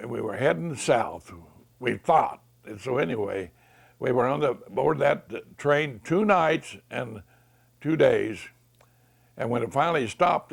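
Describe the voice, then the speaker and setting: An American man in his nineties, an old war veteran remembering his service, telling anecdotes in a creaky, gravelly voice and acting out remembered dialogue. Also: mid-range voice. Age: 90s. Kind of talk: oral history reminiscence.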